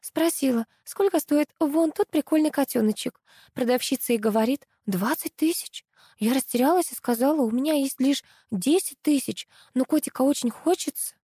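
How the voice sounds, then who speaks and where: A woman's voice: high-pitched, dark tone, no echo, studio quality, pitched above the performer's own voice, close to an everyday voice. A woman voicing a chattering ditzy young contestant. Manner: rapid chattering.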